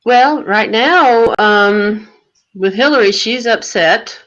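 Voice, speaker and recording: A woman's voice: a little high, takes it slowly, a bit bright. A woman on a discussion panel, speaking in a hesitant, offhand way. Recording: dull lo-fi audio.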